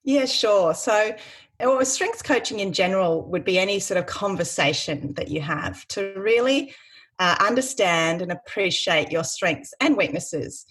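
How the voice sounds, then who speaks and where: A woman's voice: medium pitch, expressive, a little slow, fairly bright tone, slightly rough. A woman career coach being interviewed on a podcast, speaking with enthusiasm and a smile in her voice as she explains things.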